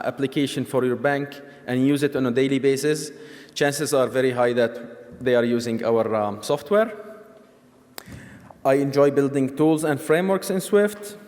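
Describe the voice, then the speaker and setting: A man's voice: medium pitch, a little mellow. A middle-aged man from Syria giving a technical conference talk, explaining steadily with fillers and restarts. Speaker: conference speaker. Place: large conference hall. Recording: long hall reverb.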